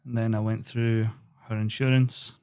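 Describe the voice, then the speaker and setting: A young man, a podcast guest chatting casually and telling stories in a calm, unhurried way. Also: fairly low pitch, clear, resonant tone. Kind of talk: casual chat.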